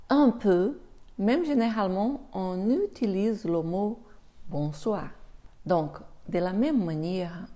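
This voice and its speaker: A woman teaching a beginner French lesson, speaking slowly and demonstrating pronunciation with care. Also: medium pitch, dark tone. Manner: slow, careful pronunciation demos.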